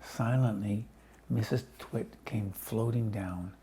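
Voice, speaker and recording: A man reading a children's storybook aloud casually, with chatty asides to his listeners and a slightly husky voice. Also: lowish voice, fairly even intonation, slow, warm tone, slight background noise. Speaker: storybook reader.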